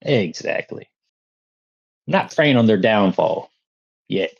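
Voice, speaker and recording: A man's voice: on the low side, sing-song, slow, vocal fry, husky. A man co-hosting a wrestling podcast in laid-back casual chat, wry and often laughing. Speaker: podcast co-host. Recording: slightly dull lo-fi mic.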